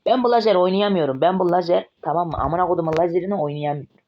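A man giving live gameplay commentary as a mobile game streamer, excitable and swearing often when frustrated. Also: high-pitched, rapid-fire, lo-fi sound, slight background noise.

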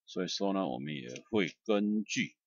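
A man giving a loose, chatty software tutorial, filled with "ah" and "hao" fillers. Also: deep voice, expressive, moderate pace, slightly rough, no room sound, muffled recording. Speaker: music software instructor. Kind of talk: screen-recorded software tutorial.

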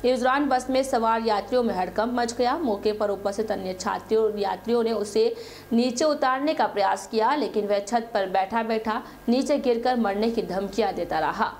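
A woman's voice: on the high side, normal speed, a little mellow, slight background noise. A young adult woman working as a news anchor, reading scripted news narration.

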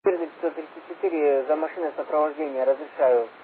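Guy controller on a tinny radio link, clipped procedural talk, slightly high voice, bit of hiss. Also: steady tone, fast talker. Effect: heard over a radio. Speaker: air traffic controller. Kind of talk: radio communication, clearances. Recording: tinny narrowband aviation radio, faint noise.

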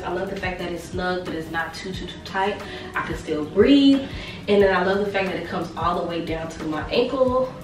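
A fashion vlogger in her twenties chats casually through a try-on haul, her fairly low voice a little raspy from a sore throat, and she repeats words for emphasis. She's in a small, bright bedroom, picked up by a camera mic a few steps away, so the sound is roomy and distant.

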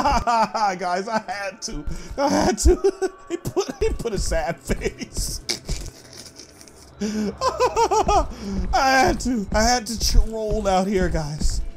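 An excitable man narrates his own game in the manner of a let's-play YouTuber, teasing other players between giggles. His voice sits high and swoops lively up and down. Game music plays clearly behind him. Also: slow pace. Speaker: gaming YouTuber.

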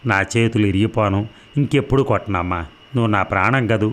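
A man's voice: on the low side, fairly quick, lightly acted. A man reading as a doting village mother. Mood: tender. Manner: doting, soothing. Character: poor village mother, scolding yet tender.

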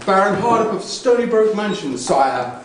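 A man's voice: sits high, very animated, normal speed. A man playing a dim, henpecked, bumbling baron husband in a stage pantomime. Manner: bumbling, echoes what he is told. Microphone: far camera. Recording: very echoey, noisy hall from far off.

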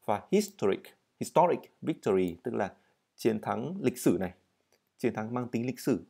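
A man with a mid-range, mellow voice and lively intonation teaches English vocabulary and pronunciation. He says each word slowly and distinctly before explaining it at a quick pace.

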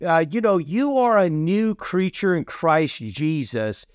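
Guy preaching a bible teaching, kinda high voice, keeps going amen?, dry close sound. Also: very animated, slow, clear, resonant tone, dry recording. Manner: repeats "Amen?" and "So see" often. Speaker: preacher hosting a teaching series. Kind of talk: casual sermon teaching.

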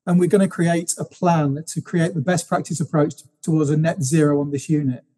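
A man answering interview questions as a company guest, explaining in a measured, businesslike way. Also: fairly high pitch, fairly even intonation, warm tone.

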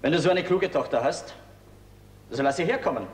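A man's voice: fairly high pitch, fairly quick, lightly acted. An actor playing a stern, mocking king who gives commanding orders. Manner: commanding, sarcastic. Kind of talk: 1970s film acting. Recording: echoey old film soundtrack, faint hiss.

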